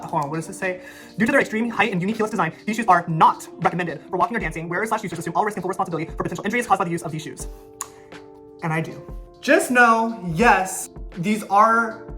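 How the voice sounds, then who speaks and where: A woman YouTuber chatting excitedly through a casual unboxing vlog, her voice bouncing around a kitchen in a heavy echo. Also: mid-range voice. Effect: heavy room echo. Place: kitchen indoors. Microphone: camera mic, no clip-on. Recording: echoey kitchen with faint music.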